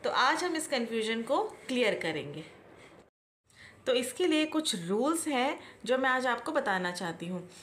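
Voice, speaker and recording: A woman's voice: on the high side, sing-song, a bit bright, a little hiss or hum. A woman with an Indian accent explaining English pronunciation rules to learners, patient and repetitive, often asking questions back. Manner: slow, patient, repeats key points and asks questions back. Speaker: English teacher. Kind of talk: classroom-style explanation.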